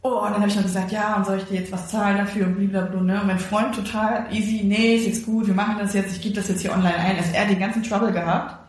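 A woman's voice: mid-range voice, quick pace, few pauses. Woman chatting on a podcast, telling a story and doing everyone's lines, very roomy echo. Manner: lively storyteller who acts out quoted dialogue. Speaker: podcast co-host. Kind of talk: casual storytelling chat. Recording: very echoey room.

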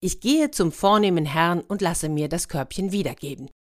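A woman's voice: on the low side, moderate pace, natural voice. A woman playing a bold peasant wife. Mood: determined. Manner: firm, outspoken.

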